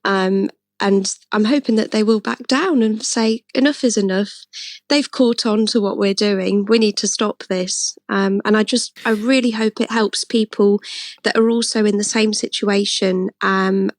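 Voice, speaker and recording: A woman's voice: medium pitch, steady tone, a little slow, dry recording. A woman with an English accent being interviewed on local radio, talking earnestly and at length with frequent fillers. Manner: earnest, relieved, talkative with fillers. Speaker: interviewee, motorist who campaigned.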